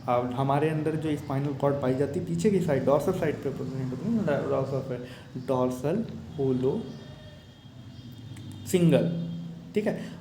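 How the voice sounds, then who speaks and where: A man's voice: medium pitch, roomy sound, noisy background. A man giving a casual biology lesson to exam students, chatty and often checking in with "okay?". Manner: chatty, keeps asking "okay?", acts out student questions. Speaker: biology teacher.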